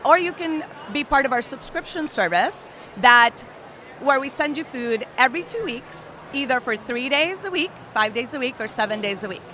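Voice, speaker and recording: A woman from Costa Rica in her thirties speaks as an interview guest, her voice bright and fairly high. She explains things in a friendly, clear way, with faint traffic noise around her. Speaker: company co-founder, guest. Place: outdoor festival booth.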